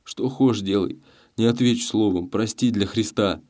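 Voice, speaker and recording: A man's voice: on the low side, normal speed, darkish tone, natural voice. A man voicing a humble, tearful young peasant in an audiobook, pleading meekly. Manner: pleading, meek. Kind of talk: audiobook character voice.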